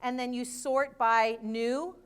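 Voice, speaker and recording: A middle-aged woman giving a live conference talk, lively and chatty with joking asides. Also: fairly high pitch, slow, clear, resonant tone. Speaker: conference speaker. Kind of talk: live presentation to an audience.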